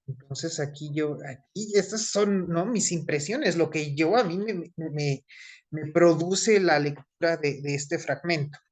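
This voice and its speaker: A man's voice: a little high, measured pace. Mexican man lecturing, filler-heavy. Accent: Mexican Spanish. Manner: discursive, many fillers and tag questions. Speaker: teacher. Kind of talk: online class lecture.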